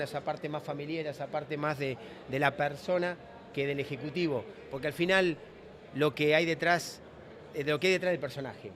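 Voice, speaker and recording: Rambling host, slightly high voice. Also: male voice, fairly bright tone. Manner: loose, rambling, many restarts. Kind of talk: casual interview chat. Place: trade fair floor.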